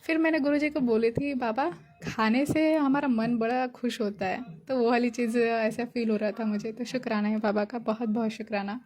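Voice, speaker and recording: A woman's voice: fairly high pitch, steady tone, normal speed, a little mellow. Giggly young woman sharing a devotional story. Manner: chatty, giggly, grateful. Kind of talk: casual spoken testimony.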